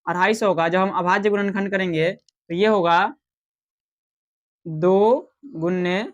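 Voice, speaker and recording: Slow-explaining Hindi maths teacher, man. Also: high-pitched, fairly even intonation. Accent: Bihari Hindi. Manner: slow, explanatory, asks questions and answers them himself. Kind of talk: classroom maths lecture.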